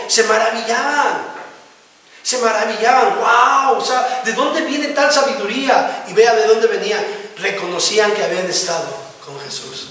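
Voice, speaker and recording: A man's voice: high-pitched, a bit bright. A man preaching a sermon emphatically in a church, with rhetorical questions and frequent calls of amen. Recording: echoey hall, distant mic, faint noise.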